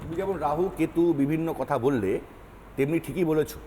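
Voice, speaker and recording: A man's voice: a little high, normal speed, dark tone, big-room sound, a little hiss or hum. A man speaking as a party spokesperson in a heated television debate, defiant and insistent, repeating his points.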